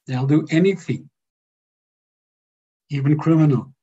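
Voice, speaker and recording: A man speaking to a group as a spiritual teacher, in a slow, deliberate and emphatic way. His voice is dark and slightly husky. The recording sounds dull and lo-fi. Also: a little high. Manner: slow, measured, emphatic delivery.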